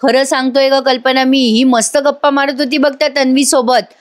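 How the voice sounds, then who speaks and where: A woman's voice: high-pitched, little pitch movement, moderate pace, natural voice. A woman quoting a stern older father-in-law from a serial, scolding and accusing.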